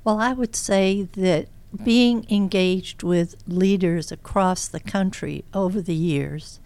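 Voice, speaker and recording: Very old woman, low clear voice. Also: slow, a little mellow, dry recording. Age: elderly. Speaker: interview guest, career coach. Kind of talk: reflective interview conversation.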